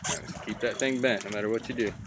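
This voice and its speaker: A man's voice: lowish voice, steady tone. A man running a fishing charter, joking and laughing as he coaches an angler on his boat out at sea. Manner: joking, laughs often, gives quick instructions. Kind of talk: casual coaching while fishing. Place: outdoors on a small open boat at sea. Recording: wind and boat noise on open water.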